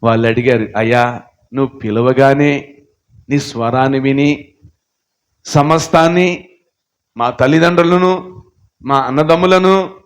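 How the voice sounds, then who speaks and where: A man preaching a sermon, dropping to low murmurs and rising to shouted appeals, with strings of repeated rhetorical questions. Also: steady tone, measured pace, long pauses.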